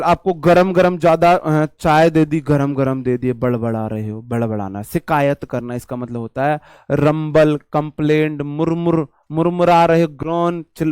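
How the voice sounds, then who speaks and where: A man's voice: on the high side, darkish tone, no room sound. A man teaching an online vocabulary class, repeating words and memory tricks and calling his viewers brother.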